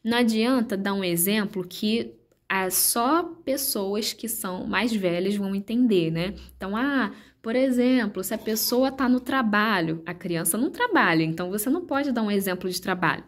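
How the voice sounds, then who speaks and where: Woman at a middle pitch, patient teacher of children's ministry, speaks straight to viewers, encouraging, filler-heavy. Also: animated, normal speed. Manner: patient, explanatory, with many fillers; addresses viewers directly, encouraging. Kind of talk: instructional video talk.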